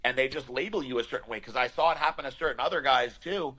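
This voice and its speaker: A man who is a podcast guest, telling a personal story in a casual, animated, candid way with frequent restarts. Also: medium pitch, fast, breathy edge, poor audio.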